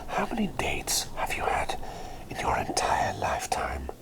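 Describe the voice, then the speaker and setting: Whispering breathily for an ASMR roleplay, a man voices a quirky, excitable plague doctor who dotes gently, wanders in his talk and repeats himself with courtly politeness. He's unhurried, close to his everyday voice, and seems flustered and thoughtful.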